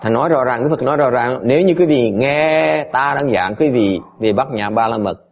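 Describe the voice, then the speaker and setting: A Buddhist teacher lectures from slides in a gravelly voice, moving back and forth between English and Vietnamese. He speaks at a middling pitch and keeps turning to his listeners with emphatic questions to make sure they follow. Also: a little fast. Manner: emphatic, often asks "is it clear?".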